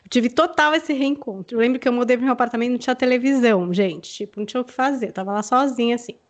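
A Brazilian woman co-hosting a relationship podcast, chatting in a lively way with laughs and personal anecdotes. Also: on the high side, very fast. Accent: Brazilian Portuguese. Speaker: presenter co-host. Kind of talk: podcast conversation.

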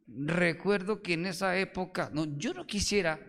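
A middle-aged man with a Colombian accent, preaching a sermon in an emphatic, animated way and firing rhetorical questions at the congregation. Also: high voice, normal speed, vocal fry. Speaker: pastor. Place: church hall. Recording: long hall reverb.

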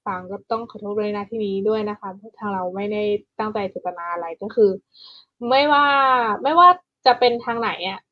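A woman's voice: mid-range voice, muffled recording. A woman co-hosting a casual podcast chat, talking things through, often restarting and repeating words as she explains. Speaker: podcast co-host.

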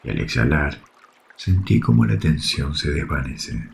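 Very deep, slow man guiding sleep meditation. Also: big pitch swings, vocal fry, a little hiss or hum. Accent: Rioplatense Spanish. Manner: soft, soothing, hushed delivery with long pauses. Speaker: yoga nidra guide. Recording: faint water ambience behind voice. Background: trickling water sounds.

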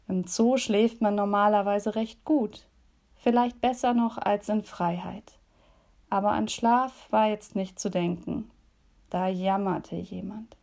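Brief: gentle woman devotion leader and storyteller, dark gravelly tone, unhurried. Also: medium pitch. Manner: gentle, soft, at times whispered. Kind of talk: calm devotion with story reading.

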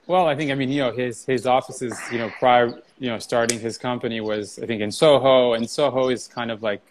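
A man's voice: medium pitch, steady tone, brisk, slight background noise, low-quality recording. A man hosting an interview, talking casually with lots of "you know" fillers. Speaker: interview host.

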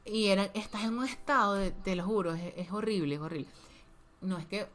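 A woman's voice: medium pitch, brisk. A woman speaking candidly and emotionally about being a mother, repeating words for emphasis. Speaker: podcast co-host, mother of a toddler. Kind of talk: candid casual chat.

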